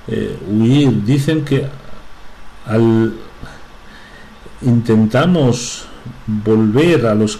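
A man giving a religious talk in a halting way, with frequent restarts and filler sounds. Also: mid-range voice, dark tone, rough recording. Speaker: religious speaker.

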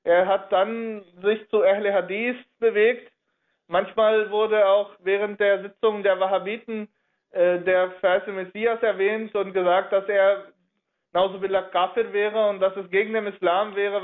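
A man telling a religious history story in a halting way, often reworking his sentences partway through. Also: sits high, flat delivery. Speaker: religious speaker. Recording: narrow phone-like audio.

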